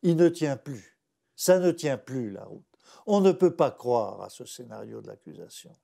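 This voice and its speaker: A man's voice: medium pitch, big pitch swings, normal speed, vocal fry, mellow. A man, a writer, interviewed for a documentary, insistent and repeating his points for emphasis.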